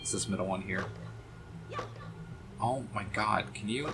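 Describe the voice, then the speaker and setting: Lower-voiced guy playing a game on stream, swearing at stuff, loud game music underneath. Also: a little slow. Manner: swears freely, chats with viewers. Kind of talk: casual live-stream chat while playing.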